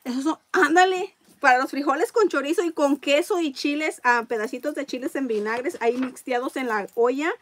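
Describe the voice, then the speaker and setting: A woman hosting a casual live-stream raffle, chatting along and reading viewer comments out loud. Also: high-pitched, brisk, few pauses.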